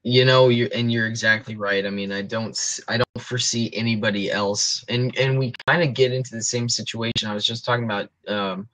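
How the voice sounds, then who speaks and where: A man's voice: medium pitch, fairly even intonation, a little fast, hardly any pauses, fairly bright tone, no echo, poor audio. A man co-hosting a casual sports podcast, breaking down fighters and records in detail with frequent ums and restarts. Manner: analytical, reels off stats with frequent ums.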